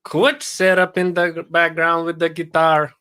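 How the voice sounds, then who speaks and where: An upbeat, joking man from Bulgaria, chatting as a podcast guest. His voice sits a little high. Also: flat delivery, measured pace, bright, forceful tone, smooth. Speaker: guest YouTuber. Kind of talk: casual podcast chat.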